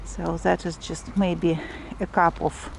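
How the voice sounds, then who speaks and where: In a casual walk-and-talk vlog, a woman with a Russian accent explains things haltingly, searching for English words as she walks outdoors through a provincial town. Her pitch is fairly low with a level tone, and the recording is clearly noisy with urban street ambience and vehicles.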